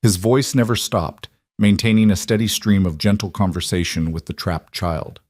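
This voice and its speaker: A man narrating a story in an even, measured reading. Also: lowish voice, dry recording, studio quality. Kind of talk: scripted audiobook narration.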